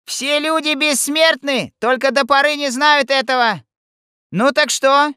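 A man voicing a grumpy old male genie in an audiobook, with a squeaky, complaining delivery. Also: unhurried, sharp tone, no room sound, clean studio sound, full character voice. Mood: wistful. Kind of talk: audiobook character voice.

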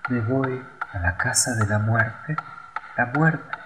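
A man voicing a small dying swallow in a storybook reading, speaking softly and haltingly. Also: mid-range voice, noisy background, pitched above the performer's own voice, natural voice. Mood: tender, fading. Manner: soft, faltering, breathy. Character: tiny dying swallow, frail and loving.

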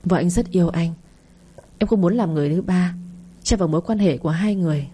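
A woman narrating a first-person story in a steady, earnest audiobook reading. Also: fairly low pitch, fast talker, breathy edge.

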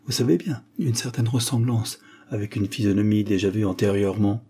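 A man reading the part of a calm, confident detective in an audiobook, explaining steadily. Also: on the low side, brisk, breathy edge. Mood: assured. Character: calm, confident male detective, sharp-minded.

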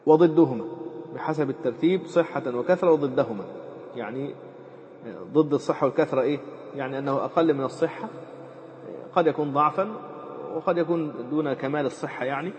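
A man's voice: on the high side, slight background noise. A man teaching Islamic jurisprudence, reading from a text and explaining it, repeating phrases with many fillers. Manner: rapid, repeats and quotes phrases, frequent fillers. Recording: dull lecture recording with long reverb.

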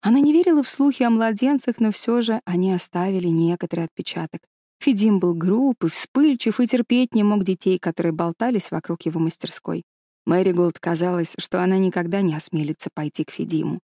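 A woman narrates a storybook in a calm, measured way. Her voice is mellow and warm, and the recording is dry and close. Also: fairly low pitch, no room sound. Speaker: audiobook narrator.

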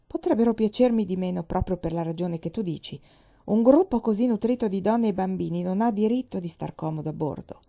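A woman's voice: medium pitch, lively intonation, fairly quick, dark tone, highs cut off. A woman reading the part of a young male naval captain, dry and dismissive. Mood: wry.

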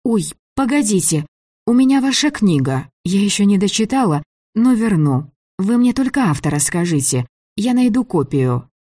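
A stubborn young woman who studies magic, as a male reader puts her on, talks in a raised, indignant voice. She sounds quick-tempered and defiant. The audiobook is recorded close and dry. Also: high voice, very animated, darkish tone, dry recording, pitched above the performer's own voice. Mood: earnest.

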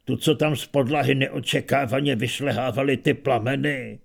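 Man putting on a deadpan old barbarian warrior, slow and wry, storybook. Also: mid-range voice, creaky, pitched below the performer's own voice.

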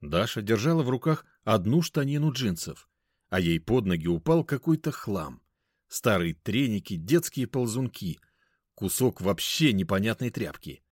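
Low-voiced guy reading a story, bouncy intonation, dry close sound. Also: very animated, normal speed, dry recording. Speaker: narrator. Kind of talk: first-person audiobook narration.

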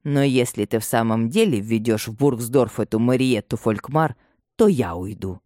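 Регина — властная суровая мать, которую читает мужчина. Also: male voice, medium pitch, moderate pace, darkish tone, no room sound, clean studio sound, natural voice. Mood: stern. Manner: cold, imperious. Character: proud stern elderly mother, unbending.

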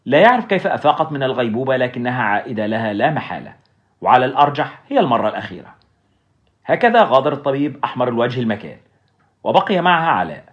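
A man narrates an audiobook story at a brisk clip. His telling is steady and dramatic, and his voice sits at a middle pitch. The recording sounds dull and lo-fi.

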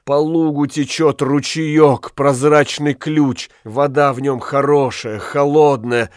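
A man's voice: a little high, steady tone, slow, no echo, studio quality. A man reading an audiobook, voicing a crazed old woman accused of witchcraft who pleads and raves feverishly.

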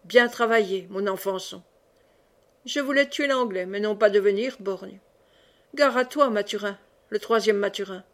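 In an audiobook, a woman reads the part of a merry, chatty old friar who brawls and banters, giving him a jovial, rambling, teasing manner. Her voice is mid-range, at normal speed, and only lightly acted.

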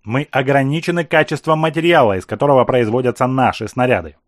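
A man voicing a gruff middle-aged admiral who answers bluntly and grumbles about limits. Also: mid-range voice, fast, no echo, clean studio sound, lightly acted. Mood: earnest.

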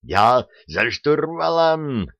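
A man voicing a hot-headed army captain technician who yells and rattles off boasts. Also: medium pitch, big pitch swings, no echo. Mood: yelling. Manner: yelling, rapid-fire, cocky.

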